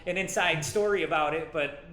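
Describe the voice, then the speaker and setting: A man hosting a podcast in a casual chat, eager and friendly and quick to laugh along. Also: fairly high pitch, crowd noise. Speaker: podcast host. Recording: echoey room.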